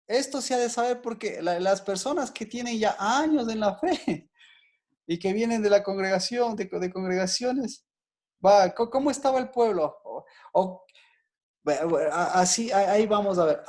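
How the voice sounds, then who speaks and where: A woman preacher giving an interactive Bible lesson. She repeats her questions to the listeners and gets excited by their answers. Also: medium pitch, normal speed.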